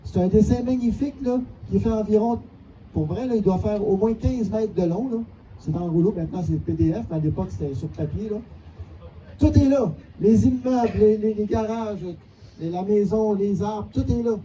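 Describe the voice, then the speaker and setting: Quebec-accented male organizer, earnest, detailed address; high voice, distant pickup over heavy background noise. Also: normal speed, mellow. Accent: Quebec French. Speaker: local organizer at a public meeting. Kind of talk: explanatory public address.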